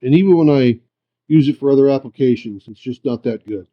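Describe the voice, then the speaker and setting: A man giving a folksy, unhurried hands-on demonstration, thinking aloud, his voice muffled by a camera microphone. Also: mid-range voice. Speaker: host of a rock tumbling hobby channel. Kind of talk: casual hands-on demonstration talk. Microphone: camera's built-in microphone.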